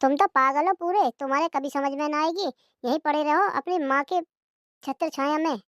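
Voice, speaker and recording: A young husband in a comic cartoon, caught between his wife and mother and pleading with her, as a woman voices him. The voice is high for a man and recorded dry. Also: moderate pace, dry recording, natural voice. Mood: reasoning. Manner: pleading, placating.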